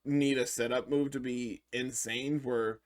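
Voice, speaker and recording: Brief: male podcast host, friendly and upbeat, quick interjections, mid-range voice. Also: medium pitch, steady tone. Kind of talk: casual gaming podcast chat.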